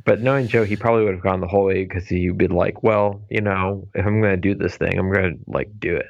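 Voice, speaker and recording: A man co-hosting a podcast in relaxed casual chat, full of fillers. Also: low voice, fast talker, creaky, no room sound, highs cut off. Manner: laid-back, filler-heavy. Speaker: podcast co-host.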